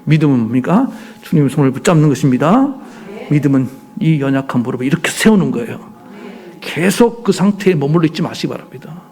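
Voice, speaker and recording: A man's voice: on the high side, expressive, fast, a little mellow. A male pastor preaching a sermon emphatically, pressing the congregation with rhetorical questions.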